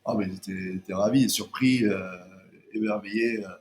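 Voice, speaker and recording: Hesitant man with a low voice. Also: steady tone, moderate pace, a little hiss or hum. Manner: hesitant, many restarts and fillers. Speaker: chocolate brand co-founder, guest. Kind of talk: casual interview talk.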